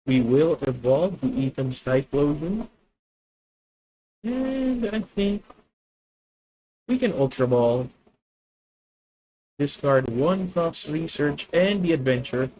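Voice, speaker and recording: A man's voice: fairly high pitch, expressive, takes it slowly, pauses often, darkish tone, rough recording. A man with a Filipino accent thinking aloud as he plays a card game on stream, chatting with viewers. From Philippines. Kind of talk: live card game commentary.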